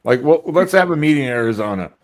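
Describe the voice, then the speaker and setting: A man talking on an online call in a casual sports chat, animated and swearing freely. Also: on the high side, fast.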